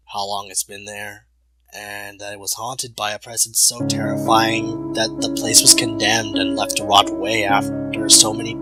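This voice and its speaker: A man reading a scripted horror story as narrator, in a serious, deliberate, dramatic way. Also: lowish voice, sharp tone, breathy edge, dry recording, low-quality recording.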